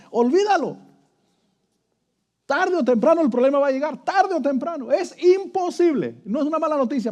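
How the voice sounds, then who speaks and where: A man's voice: very high-pitched, mellow. A middle-aged man preaching a sermon, emphatic and storytelling, calling listeners brother.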